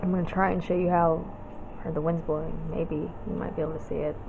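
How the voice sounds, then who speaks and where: Her voice lowish and level with vocal fry, a woman in her thirties talks quickly while vlogging her day, congested from a cold. She chats, rambles, and laughs often, moving from home to outside by the front door. The lo-fi camera audio is dull, and background noise comes through.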